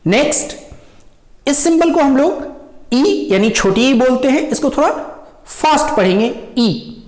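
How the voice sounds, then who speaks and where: Slow, lively-voiced woman teaching pronunciation. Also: high voice, reverberant. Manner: drawn-out demonstrations of sounds. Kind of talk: slow explanatory lesson.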